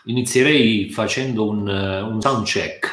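A man with a fairly low voice talks casually to viewers of his live stream from the sofa at home. He hesitates and restarts sentences, sounding a little nervous. The room around him echoes. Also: takes it slowly, fairly bright tone. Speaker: guitar teacher.

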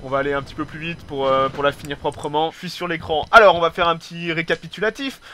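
Fast, bright-voiced excitable male commentator. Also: fairly high pitch. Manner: excitable, swears casually, peppers speech with "hein"; hesitant restarts and repeated words. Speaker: game replay commentator. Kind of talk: casual live commentary of a strategy game replay.

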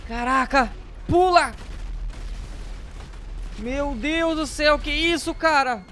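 A man's voice: very high voice, a little slow, sharp tone, slight background noise. A man giving panicky, exclamatory gameplay commentary, often repeating words. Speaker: gameplay streamer.

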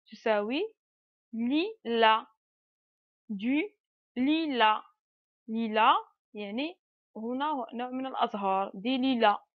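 Woman, French teacher, slow patient lesson, stretched-out syllables, slightly high voice, dull recording. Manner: slow and patient, drawn-out letter sounds, mixes Arabic and French.

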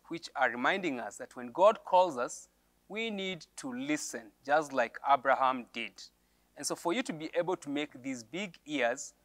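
Middle-aged man, craft teacher, fairly high bright voice, patient instructing. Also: dry recording. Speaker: Sunday school craft teacher. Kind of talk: children's craft lesson. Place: studio desk.

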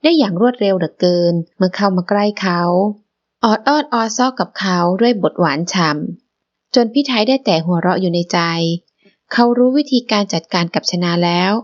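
A woman narrating a romance novel as an audiobook, in a measured storytelling manner. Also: mid-range voice, animated, highs cut off.

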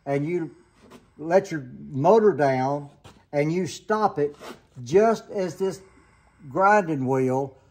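In a fairly high, slightly mellow voice, an older man presents a casual sawmill sharpening demonstration for his how-to show. His style is folksy and meandering, with frequent self-corrections, and it's recorded handheld in an open barn workshop.

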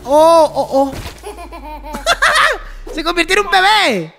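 A YouTuber giving excitable reaction commentary, laughing often and reading the characters' lines aloud. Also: extremely high pitch, moderate pace, gravelly. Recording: music playing underneath.

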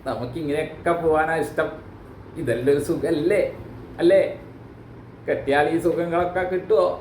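A man's voice: fairly high pitch, steady tone, normal speed, echoey room, slight background noise, low-quality recording. A man hosting a reaction video, joking and teasing in mock outrage. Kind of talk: casual comic commentary.

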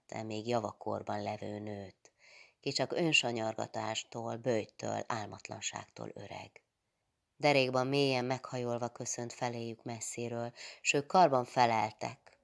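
Woman, literary reading aloud, measured, very deep voice, gravelly fry. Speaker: reader.

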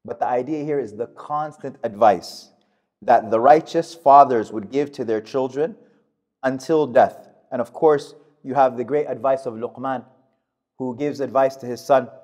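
A man in his thirties delivering a Friday sermon in a mosque, speaking at a podium microphone in a measured, emphatic way. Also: mid-range voice, darkish tone. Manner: measured, emphatic delivery with fast recited Arabic verses. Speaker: khutbah speaker. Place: mosque prayer hall, indoors. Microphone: gooseneck podium mic.

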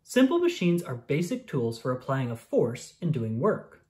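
With a moderate pace and mid-range tone, the narrator brings a science book to life for young children, speaking clearly and expressively as a storyteller would.

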